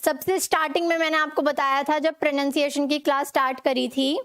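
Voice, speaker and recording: High-pitched woman teaching pronunciation. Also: level tone, a little fast, fairly bright tone. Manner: repetitive drilling, frequent "ठीक है" check-ins; reads student comments aloud and answers them. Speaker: English teacher. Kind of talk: online spoken-English class.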